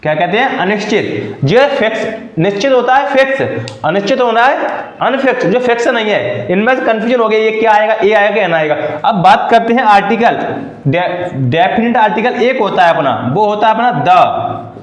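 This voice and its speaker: High-voiced male teacher in an echoey room. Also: lively intonation, moderate pace. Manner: repeats questions and answers them himself. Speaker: English teacher. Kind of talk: classroom lesson.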